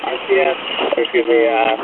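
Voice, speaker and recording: A man, a military pilot in flight, talking over a helmet radio in calm, clipped, procedural radio talk. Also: mid-range voice, a little fast, gravelly. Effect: helmet radio transmission. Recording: tinny radio link with static hiss.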